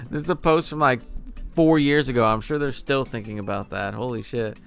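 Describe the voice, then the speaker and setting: A man's voice: mid-range voice, normal speed, gravelly, clear, resonant tone, faint music behind. A man hosting his channel, reacting to memes in casual chat, laughing often, swearing freely and riffing sarcastically. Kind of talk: casual meme reaction commentary.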